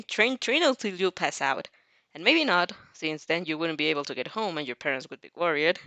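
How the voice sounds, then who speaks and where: In a dry recording, a woman with a mid-range, sharp-toned voice hosts a fan fiction reaction. She reads expressively, but giggles and rambles, often cutting herself off with casual asides.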